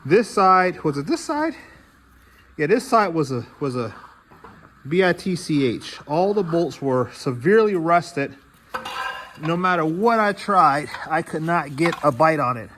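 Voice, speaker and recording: A man's voice: fairly high pitch, big pitch swings, a little slow, fairly bright tone, reverberant, a little hiss or hum. A man talking to himself and his viewers while working on an old truck in his garage, casual and chatty. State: out of breath, coughing from dust. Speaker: YouTube garage host. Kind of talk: casual workshop vlog. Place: home garage under a truck.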